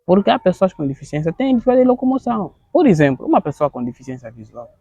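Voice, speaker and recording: A man in his thirties speaks Portuguese with an Angolan accent. His voice sits somewhat high with a gravelly edge, and his earnest testimony halts often as he repeats words. The recording is dry and dull, like a cheap lo-fi mic. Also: very animated, dark tone, no room sound. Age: 30s. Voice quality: gravelly, halting with frequent word repetitions.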